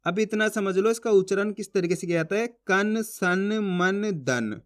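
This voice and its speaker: High-voiced man teaching, patient and repetitive. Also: moderate pace. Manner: patient, repeats syllables, checks understanding. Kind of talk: Hindi reading lesson.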